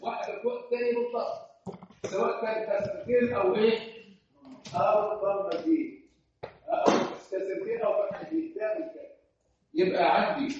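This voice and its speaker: A man with an Egyptian accent teaching Quran recitation rules to a class, asking questions and chanting examples. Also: sits high. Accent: Egyptian Arabic. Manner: sing-song explaining, asks class questions. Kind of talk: classroom lecture. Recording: echoey room, distant dull mic.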